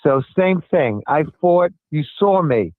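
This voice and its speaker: A man's voice: on the high side, animated, takes it slowly, no echo. An older man, a city commissioner, calling in by cell phone and answering interview questions in an earnest, emphatic way that repeats his points. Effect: heard over a cell phone line. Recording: tinny dry phone line.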